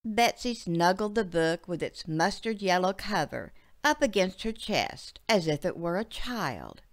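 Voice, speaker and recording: A woman narrating a literary short story in a measured, expressive way. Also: lowish voice. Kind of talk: audiobook narration.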